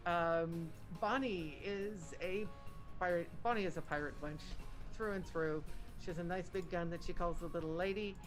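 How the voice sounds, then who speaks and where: Woman, muffled through mask over mouth, slightly low voice, casual game player introduction, clear music behind.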